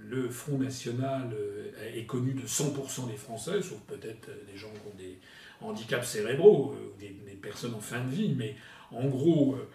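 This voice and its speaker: A man's voice: mid-range voice, moderate pace, vocal fry, dark tone. A man answering as a political spokesman, hesitant with many fillers and restarts. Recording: echoey room from far off.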